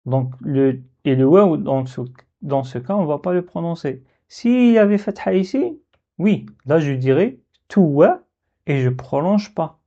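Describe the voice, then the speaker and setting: A man teaching the Arabic alphabet step by step, slowly repeating syllables for learners to copy. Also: fairly high pitch, animated, warm tone, muffled recording. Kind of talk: step-by-step letter lesson.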